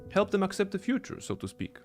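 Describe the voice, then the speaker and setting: Guy reading out a proud young rich heir, formal and lofty, bouncy pitch, music low behind. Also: huge pitch swings, fast talker, darkish tone. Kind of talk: reading game dialogue aloud.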